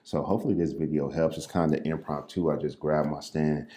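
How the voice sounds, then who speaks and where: A low-key man from St. Louis in the US Midwest, with a deep, naturally low and somewhat monotone voice, gives an impromptu coaching talk to camera. He's a real estate agent and coach, speaking in an unhurried, loose, conversational way full of fillers and repeated words. He stands at a desk in his roomy call workspace, and the room sounds echoey.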